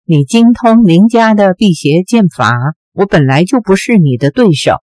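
A woman's voice: medium pitch, expressive, normal speed, no echo, lightly acted. Woman voicing a proud hot-tempered young swordswoman. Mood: accusing. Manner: accusing, sharp-tongued.

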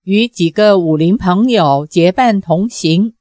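一位女性朗读者，以从容而富有戏剧感的方式讲述武侠小说。. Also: female voice, lowish voice, mellow, dry recording, clean studio sound. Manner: measured, dramatic storytelling. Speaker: narrator. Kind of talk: audiobook narration.

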